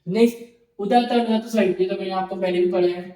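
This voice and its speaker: A man's voice: high-pitched, fairly even intonation, quick pace, dark tone. A man teaching a recorded Sanskrit lecture. He explains step by step, repeats lists and keeps checking with "theek hai" and "okay", with English words mixed into his Hindi. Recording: roomy echo, mic at a distance.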